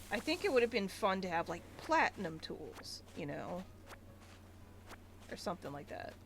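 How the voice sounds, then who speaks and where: A woman livestreams a game, chatting casually and ranting in a rambling way, packing her speech with filler "likes." Her voice is lowish and fairly bright, with slight background noise.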